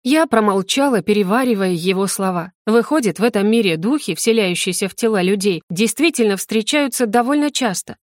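A woman reading first-person audiobook narration in an even, measured way. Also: mid-range voice, no room sound, clean studio sound. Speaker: audiobook reader.

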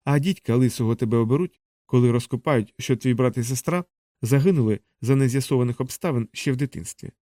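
A man reading as a clever young girl who calmly and firmly stands up to her brother. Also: mid-range voice, fast, no echo, clean studio sound, close to an everyday voice.

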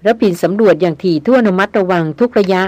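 A woman narrates a novel in a steady, even storytelling voice at a middle pitch. The recording is dry, with no room sound around her. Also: fast, no room sound. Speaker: audiobook narrator. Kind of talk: scripted narration.

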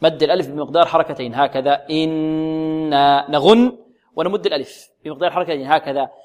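A male recitation teacher who poses questions, answers them himself, repeats each rule and demonstrates sounds slowly. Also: a little high. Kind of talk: recitation lesson.

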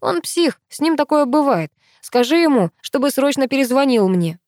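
A woman reading an audiobook, voicing a calm young man who speaks in a soothing, practical way. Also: high voice, moderate pace, no echo, studio quality, voice pushed up. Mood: reassuring.

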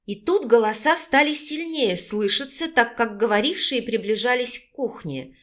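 A woman's voice: on the high side, animated, normal speed. Woman narrating an audiobook. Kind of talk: scripted narration.

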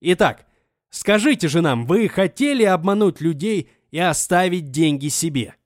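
A man voicing a pushy, theatrical TV show host, loud and insistent. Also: on the high side, animated, moderate pace, dry recording, studio quality, pitched above the performer's own voice, natural voice. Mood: probing.

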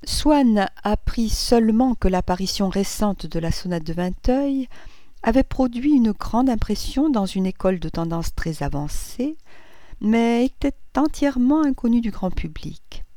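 A woman narrating a classic novel in a measured, even reading voice. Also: a little high, no room sound. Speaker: audiobook reader.

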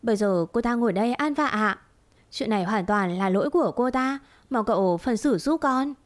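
A woman voicing a hot-tempered male cart pusher in a storybook reading, defensive and gruff. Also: a little high, lively intonation, normal speed, no room sound, natural voice.

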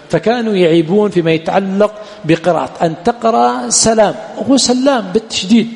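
A man teaching a classroom lecture on hadith sciences, repeatedly pausing to quiz his students on the next word. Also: sits high, darkish tone, big-room sound. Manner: quizzes students with repeated "what?" prompts. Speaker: Islamic studies teacher. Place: lecture hall at a study center.

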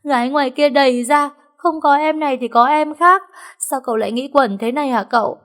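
A woman voicing a frantic, dramatic young maid who wails loudly and high. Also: a little fast. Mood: frantic wailing. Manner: wailing, high and overwrought.

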